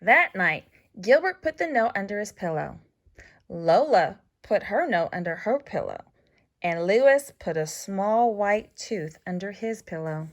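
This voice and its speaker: A storybook reader, a woman with a medium-pitched voice, reads a children's story aloud as scripted narration, using expressive, deliberate phrasing meant for young listeners.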